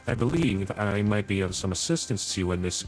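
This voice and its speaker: A man's voice: lowish voice, lively intonation, fairly quick, soft background music, poor audio. A man voicing a prim, overly polite male AI companion in a tabletop game, his voice run through a morphing voice changer, talking formally with a few slips. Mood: prim, courteous. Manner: formal, courteous, stiff phrasing with slips.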